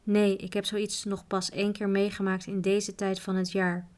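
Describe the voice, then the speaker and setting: A woman voicing Piak, a gruff, practical male mountain guide who grumbles matter-of-factly, in a storybook reading. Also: mid-range voice, level tone, normal speed, darkish tone, lightly acted.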